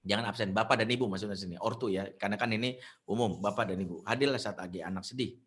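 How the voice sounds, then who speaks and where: A man preaching to parents in an animated storytelling style, acting out the voices of the people in his stories. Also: quick pace. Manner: animated storytelling, acts out quoted voices with big pitch jumps. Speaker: Islamic preacher. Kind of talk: parenting sermon with acted anecdotes.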